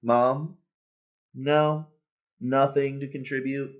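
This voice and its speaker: A man cold-reading a bitter, sardonic middle-aged male horse who was once a star, joking in a deadpan way, recorded on a built-in webcam mic. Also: medium pitch, slow pace, voice pushed up, lightly acted. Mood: sardonic eulogy. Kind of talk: cold-read monologue. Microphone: built-in computer webcam mic. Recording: tinny, phone-like webcam audio.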